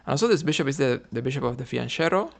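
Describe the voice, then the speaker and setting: This Cuban chess streamer races through his live commentary in an animated, mid-range voice with vocal fry. He reasons about his moves out loud, tacks on "right?" often and chats with viewers between moves.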